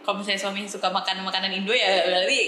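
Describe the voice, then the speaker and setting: A young woman chatting casually as a guest, relaxed and laughing, now and then putting on British phrases. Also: medium pitch, rapid-fire. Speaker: guest, daughter of the host. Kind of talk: casual chat. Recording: roomy, with faint background noise.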